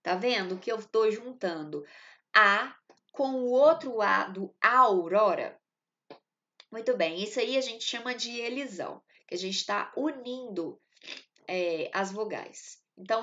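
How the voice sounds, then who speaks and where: A woman teacher with a Brazilian Portuguese accent gives a recorded literature lesson, her voice sitting slightly high. She explains patiently, step by step, and keeps adding short checks to see if her students follow. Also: unhurried, sharp tone, dull audio. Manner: explanatory, checks in often with short tag questions.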